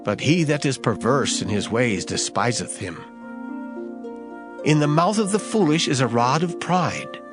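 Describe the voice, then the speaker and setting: Male reader for dramatized scripture, solemn and declamatory, very animated intonation, set over music. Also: mid-range voice, unhurried. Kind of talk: dramatized Bible reading.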